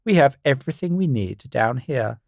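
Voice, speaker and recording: A prim, well-read bird, voiced by a man reading a storybook. He is sarcastic and mocking, pitched above the reader's own voice. Lively and close, with a dry sound. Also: normal speed, vocal fry, dry recording.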